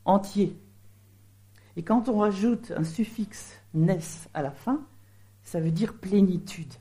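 A woman's voice: lowish voice, dark tone. A middle-aged woman giving a sermon in French, explaining word meanings with a teaching manner. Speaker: preacher.

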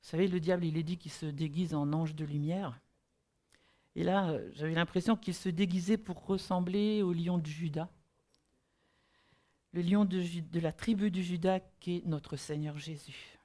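Low, mellow-voiced woman preaching earnestly. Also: fairly even intonation. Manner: earnest, builds to emphatic rhetorical questions; halting restarts while thinking aloud. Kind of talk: sermon with Bible readings.

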